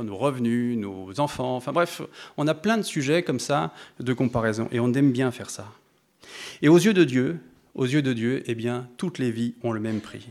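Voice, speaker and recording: Speaking at a medium pitch, a man preaches a sermon and addresses his congregation head-on. He comes across as thoughtful and conversational, pausing and restarting frequently.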